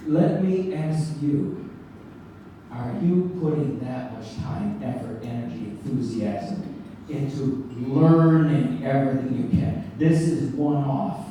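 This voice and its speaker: A man giving a live seminar on public speaking in an animated, joking storytelling way, recorded from afar in a large room with an audience. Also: mid-range voice, slow, slight background noise. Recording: echoey hall, mic far off.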